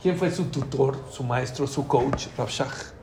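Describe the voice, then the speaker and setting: A man giving a Torah lecture as a rabbi, animated and acting out quoted dialogue. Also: mid-range voice, measured pace. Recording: echoey room with faint background noise.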